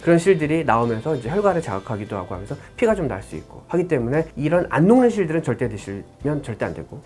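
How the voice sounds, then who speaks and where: A woman plastic surgeon explaining procedures in an informational clinic video, talking rapidly and animatedly. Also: sits low, warm tone, husky.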